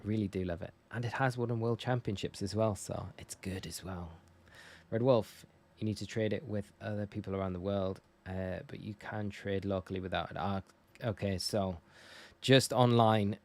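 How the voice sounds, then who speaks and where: A man's voice: on the low side, fairly even intonation, moderate pace. A man from northeast England with a northern English accent, chatting casually and informally to viewers as a live game streamer. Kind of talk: casual livestream chat while gaming.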